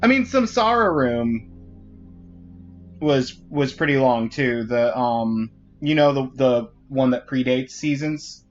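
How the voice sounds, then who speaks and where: Streaming a puzzle game, a man chats casually and rambles, often restarting and correcting himself. His voice is medium-pitched, expressive and slow. The audio is lo-fi with faint music in the background.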